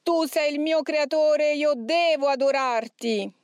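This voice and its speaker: Shrieking male demon from a read-aloud account, enraged and terrified, high strained voice, dry close sound, played by a woman. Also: fairly even intonation, measured pace, darkish tone, smooth, dry recording. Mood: forced. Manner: screaming, sobbing with rage.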